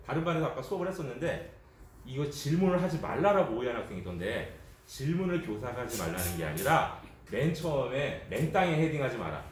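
A man who teaches high school English gives a lively classroom lecture, joking and talking straight to the students. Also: slight background noise. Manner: lively, jokey, addresses students directly. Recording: echoey classroom from far off.

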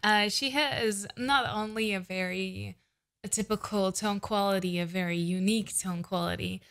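A vocal coach in her thirties, a non-native English speaker, gives a casual reaction to a song, gushing with excitement and using lots of "uh." Her voice is medium-pitched at a moderate pace. She sits close to a large studio condenser mic in a room at home with shelves.

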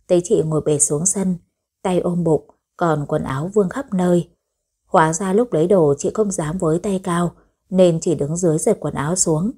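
A woman's voice: fairly low pitch, warm tone, husky. A woman narrating a rural family audio story, reading every character's lines herself.

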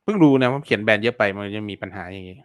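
A man's voice: lowish voice, very fast, no echo. A man teaching online selling in a casual live-stream lesson, chatty and repetitive, full of fillers and polite particles. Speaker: online seller teaching keyword research.

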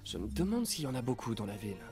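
A man's voice: mid-range voice, sing-song, very fast, natural voice. A young man acting a friendly, awkward, wisecracking superhero in a French video game dub, earnest and natural. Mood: nostalgic. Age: young adult. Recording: game music behind.

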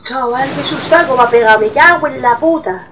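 A woman's voice: high-pitched, brisk, distant mic, noisy background. A woman with a Spain accent giving casual horror game commentary, swearing often and easily startled. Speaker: gameplay streamer.

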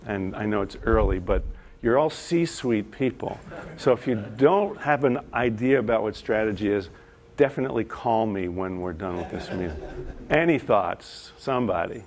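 A man with a lowish, slightly slow voice presents live to a room of executives as presenter and facilitator. He tells stories conversationally and puts questions to the audience.

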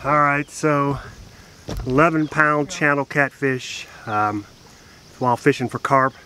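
A man in his thirties hosting a fishing vlog, talking earnestly and casually to viewers with many filler pauses. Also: medium pitch, noisy background. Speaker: fishing channel host. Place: outdoors at a riverbank.

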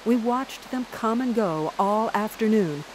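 A woman giving calm, measured scripted narration for an outdoors documentary. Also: a little high, background noise.

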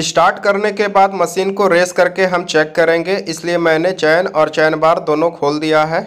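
High-voiced man explaining a repair. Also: fairly bright tone. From India. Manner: plain instructive talk, addresses viewers directly. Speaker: repair channel host. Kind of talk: step-by-step repair tutorial.

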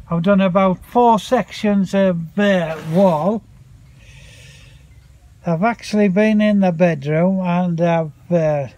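A man with a high-pitched voice chats on camera outdoors by a pool. He speaks slowly and loosely, cursing now and then and shouting to his dogs between remarks. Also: muffled recording. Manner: chatty, swears mildly, calls out to dogs. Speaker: vlogger. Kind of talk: casual vlog chat.

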